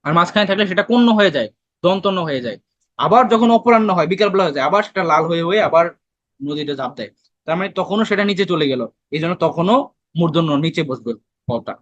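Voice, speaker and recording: This young man from Bangladesh runs an exam-prep lesson in a chatty, questioning way. He has a high voice, and the recording sounds dry and slightly muffled. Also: animated, fast, a bit bright, no room sound. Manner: conversational, asks students questions then answers them, mixes in English words. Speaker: admission test tutor. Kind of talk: online lesson explaining spelling.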